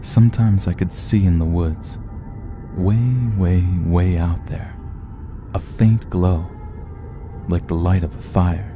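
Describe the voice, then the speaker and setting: A man narrating a horror story in a slow, measured, somber way. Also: deep voice, fairly even intonation. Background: faint music.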